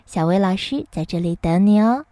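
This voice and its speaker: A woman narrating a bedtime story in a gentle, soothing way. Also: medium pitch, animated, normal speed, dry recording.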